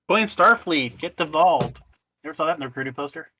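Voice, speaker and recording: A man's voice: fairly high pitch, expressive, a little fast, bright, forceful tone, slight background noise, low-quality recording. A man playing a tabletop role-playing game, eager and playful. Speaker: player. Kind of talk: casual tabletop game play.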